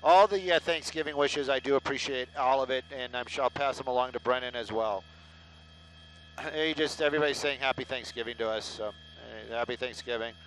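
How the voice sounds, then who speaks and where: A man's voice: medium pitch, a little fast, a bit bright, poor audio. A middle-aged man, a helicopter traffic reporter, rambling live on air in a joking, sarcastic, self-deprecating way through a headset mic. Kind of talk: live casual on-air chatter. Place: inside a helicopter in flight.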